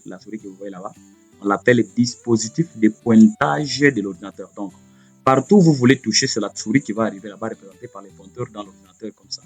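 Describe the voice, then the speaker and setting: A man giving a spoken computer lesson, explaining slowly and step by step, often repeating himself and pausing on fillers. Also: mid-range voice, a little mellow, husky. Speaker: computer teacher.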